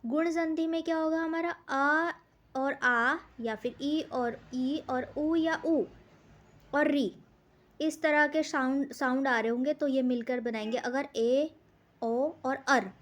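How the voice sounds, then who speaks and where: A woman teaching an exam-prep grammar class in a high, bright voice. She talks slowly and patiently, puts a question to the class and then answers it herself. She draws out each example word with care. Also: steady tone. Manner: explains step by step, asks questions and answers them herself; says words and examples slowly and deliberately.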